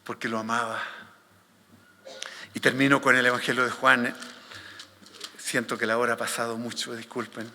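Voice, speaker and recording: A man's voice: mid-range voice, level tone, normal speed, pauses often, slight background noise. Fervent male preacher in a reverberant hall. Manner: emotional, swings between loud fervent pleading and hushed tender reading. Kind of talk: conference sermon. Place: conference hall.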